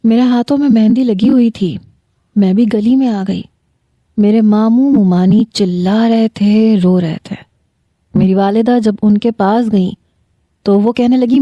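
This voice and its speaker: A young adult woman narrates a first-person story with emotional, dramatic delivery. Her voice is warm and mellow. The recording is close and dry, with no room sound. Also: medium pitch, dry recording, lo-fi sound. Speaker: storyteller reading her own novels.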